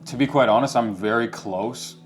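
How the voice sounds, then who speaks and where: A man's voice: medium pitch, moderate pace, faint music behind. A man in his twenties hosting a casual chat, talking candidly and reflectively with plenty of "like" and "you know" fillers. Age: 20s. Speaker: host.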